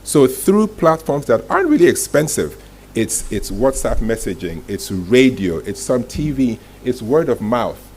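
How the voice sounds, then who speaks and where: In a clearly noisy live room, a communications executive leads a motivational masterclass. His medium-pitched, darkish voice is very animated yet measured in pace as he tells stories emphatically through short, dramatic lines and rhetorical questions.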